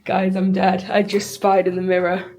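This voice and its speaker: A woman vlogs casually to a handheld camera while traveling, upbeat and rambling, moving between a city street and a small hotel bathroom. Her medium-pitched voice is monotone and darkish, at a moderate pace. The outdoor street recording is noisy.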